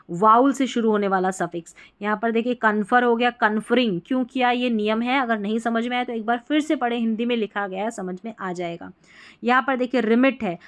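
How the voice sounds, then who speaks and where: A woman teaching English spelling rules, patiently repeating each point several times. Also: fairly high pitch. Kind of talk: screen-based spelling lesson.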